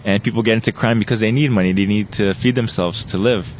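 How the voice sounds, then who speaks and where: A man's voice: lowish voice, steady tone, fast, slight background noise. A man talking plainly and earnestly in a casual interview.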